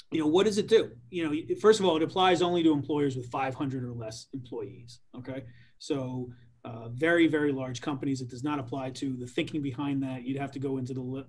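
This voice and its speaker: A man giving an informal legal briefing as a panelist, conversational and often rephrasing himself. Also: on the high side. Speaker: employment lawyer, webinar panelist.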